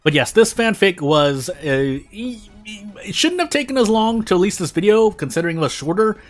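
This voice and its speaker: A gamer and video creator gives casual gameplay commentary in a high, animated voice at a slightly quick pace, with faint music in the background. He rambles, cuts himself off, pokes fun at himself and often loses his train of thought.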